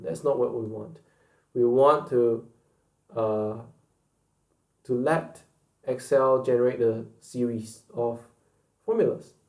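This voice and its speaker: Slow, patient man teaching a software lesson. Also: medium pitch, roomy sound. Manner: slow and patient, repeating key points. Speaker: instructor. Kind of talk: screen-recorded software tutorial.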